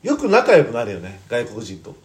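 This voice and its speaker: Lively fast-talking man chatting. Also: medium pitch. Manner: frequent short backchannels, teasing reactions. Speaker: podcast co-host. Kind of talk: casual chat.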